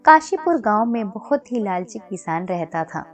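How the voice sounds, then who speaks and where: A woman storyteller giving scripted narration of a children's moral story in a steady, even-toned reading. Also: mid-range voice, normal speed, faint music behind.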